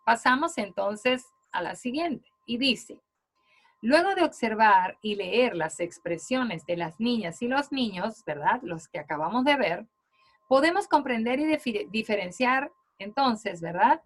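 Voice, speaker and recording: A middle-aged woman with a fairly high voice, teaching children a grammar lesson. She is patient and keeps checking in with her listeners. She stretches out and slows key words to stress them. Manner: patient, repeats "¿verdad?" and "muy bien" often.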